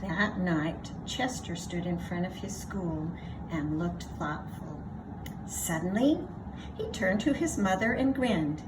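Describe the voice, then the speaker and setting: A woman narrating a children's story aloud in an expressive read-aloud style. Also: on the low side, takes it slowly, background noise.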